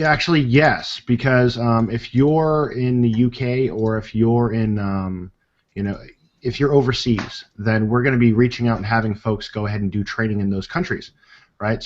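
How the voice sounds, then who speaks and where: A man's voice: mid-range voice, fairly even intonation, moderate pace. A man on a video call casually answering members' questions as a co-presenter, in an informal, conversational way. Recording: muffled, lo-fi video call audio.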